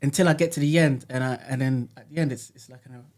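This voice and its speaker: Recorded in a podcast studio, a man who makes music talks casually but thoughtfully as a guest, repeating words often as he works through ideas. He speaks fast at a medium pitch, with a steady, darkish tone.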